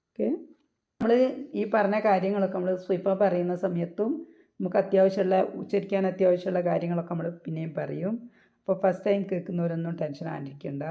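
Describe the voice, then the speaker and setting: A woman's voice: on the low side, gravelly, highs cut off. A woman teaching how to pronounce Arabic letters for Quran recitation, patiently repeating points and checking with her listeners. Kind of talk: explanatory lesson.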